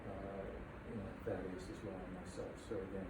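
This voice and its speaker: Halting low-voiced man speaking in echoey room. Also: little pitch movement. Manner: halting, hesitant delivery with very frequent pauses. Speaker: military officer presiding over a commissioning ceremony. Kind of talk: informal ceremony speech. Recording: echoey, distant mic, noisy room tone.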